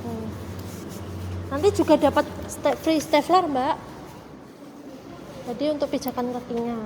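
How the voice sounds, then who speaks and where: A woman's voice: high-pitched, unhurried. A woman speaking as a showroom salesperson in a polite, formal customer service voice. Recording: reverberant, noisy room with vehicle sounds.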